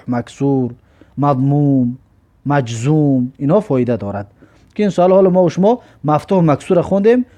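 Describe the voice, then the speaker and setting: A man's voice: on the high side, dark tone. A man with a Tajik accent teaching the Arabic alphabet, patiently repeating and sounding out each letter. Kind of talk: recorded alphabet lesson.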